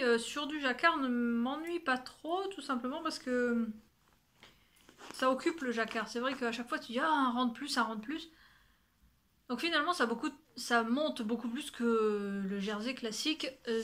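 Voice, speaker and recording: A woman's voice: high voice, moderate pace, a bit bright. A woman chatting casually about her sewing and knitting projects, rambling, swearing now and then, and sometimes dropping to a whisper. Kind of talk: casual chat to camera.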